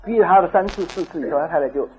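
A man preaching a sermon, telling a story in an animated way and acting out the dialogue. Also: high-pitched, rapid-fire, lo-fi sound, a little hiss or hum. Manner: animated, acts out dialogue, laughs at own story.

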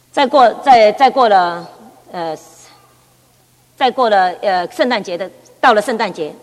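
Middle-aged woman testifying in a hall. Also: mid-range voice. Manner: lively storytelling with frequent repetitions. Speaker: church speaker giving testimony. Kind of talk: personal testimony. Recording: long reverb in a hall.

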